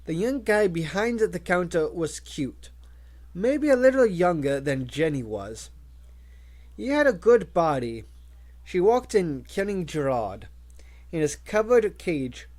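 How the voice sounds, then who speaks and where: A male audiobook reader narrating a novel. His voice sits a touch high and moves expressively, with plenty of rise and fall. He reads at a slow, unhurried pace. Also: big pitch swings, a little mellow. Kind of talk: audiobook reading.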